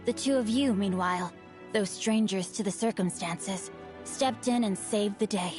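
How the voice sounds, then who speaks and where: An actor playing a witty, refined young noble heir in a game, formal and wry. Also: male voice, sits high, close to an everyday voice.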